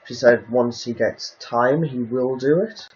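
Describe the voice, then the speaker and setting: A man's voice: medium pitch, a little slow, darkish tone, dull audio. A man chatting casually on a livestream, hesitant and rambling, with many ums and restarts.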